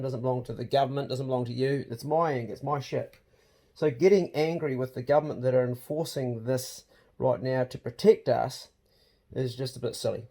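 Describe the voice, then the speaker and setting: A man vlogging in a broad Kiwi accent. His voice is mellow and relaxed, and he talks in a colloquial, plain-spoken way, like casual chat with his viewers. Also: mid-range voice. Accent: broad New Zealand. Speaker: vlog host.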